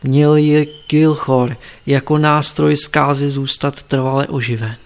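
A man narrating a story in a calm, measured way. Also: on the high side, smooth. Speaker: audiobook narrator. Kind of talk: scripted narration.

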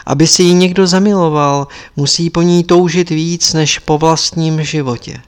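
A wise old lama teacher speaks gravely and instructively, as a man reading a story voices him. The voice sits a little high for a man. It is read in a storybook style. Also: steady tone, close to an everyday voice. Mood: stern. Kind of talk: audiobook character reading.

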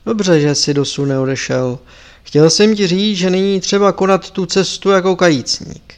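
A man's voice: sits high, natural voice. A man reading the part of a stern elderly lama teacher, solemn and commanding.

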